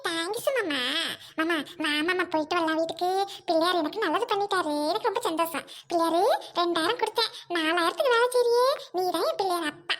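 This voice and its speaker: A woman's voice: very high-pitched, fast, a bit bright. A woman in her thirties with a Tamil accent, whining and pleading in a comic skit. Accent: Tamil Nadu Tamil. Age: 30s. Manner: whiny, pleading, sobs and laughs in turns. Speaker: comedy skit actress.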